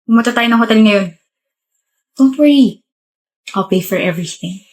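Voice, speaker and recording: Casting: babae bilang mapilit at manipulatibong batang boyfriend, utos nang utos, medyo mataas ang boses. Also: female voice, a little high, moderate pace, close to an everyday voice. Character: pushy, manipulative young male boyfriend. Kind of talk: skit role-play.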